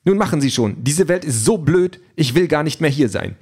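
A man's voice: a little high, very animated, fairly quick, soft background music, pitched above the performer's own voice. Man putting on a pompous female android poet. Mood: weary. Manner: pompous, theatrical, sniffy.

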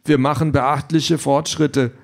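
A man voicing an eager male trainer who speaks slowly and earnestly, in an audiobook. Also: fairly high pitch, level tone, vocal fry, voice pushed up. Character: eager male trainer, proud of small progress.

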